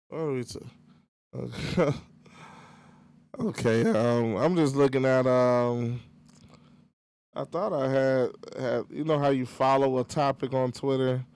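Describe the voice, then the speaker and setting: A man's voice: medium pitch, creaky, a little mellow, clean tone, no room sound. A man hosting a livestream, telling a rambling, profane story in casual chat with lots of fillers, close to the mic. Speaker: livestream host.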